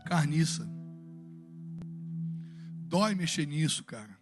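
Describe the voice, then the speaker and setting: A man's voice: fairly high pitch, very animated, slow, music in the background. A Brazilian man preaching a Sunday evening sermon in a church, moving between fervent exhortation and humorous personal stories. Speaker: pastor.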